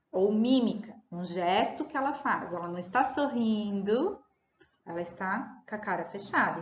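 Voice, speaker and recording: A woman teaching a remote lesson, explaining patiently and repeating key words with fillers. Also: on the high side. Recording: roomy, dull lo-fi audio.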